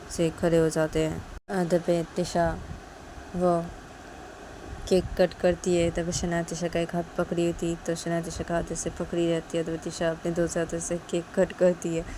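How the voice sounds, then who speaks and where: A woman's voice: fairly low pitch, completely flat delivery, moderate pace, dark tone, a little hiss or hum, rough recording. A woman narrating a romance story in a plain, conversational way. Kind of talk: casual spoken story narration.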